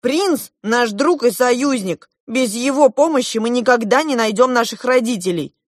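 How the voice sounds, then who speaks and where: A woman's voice: mid-range voice, lively intonation, normal speed, husky, dry recording, clean studio sound, pitched above the performer's own voice. A woman reading a storybook aloud and voicing an eleven-year-old girl heroine who scolds and commands. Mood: bossy.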